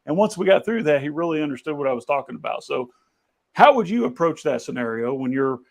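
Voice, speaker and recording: A man with a fairly high, gravelly voice, hosting over a video call. He tells stories animatedly, restarting often as he goes. The sound is casual and conversational. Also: fast talker. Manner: animated anecdotes with frequent restarts. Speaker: podcast host. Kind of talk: conversational storytelling. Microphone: video call camera.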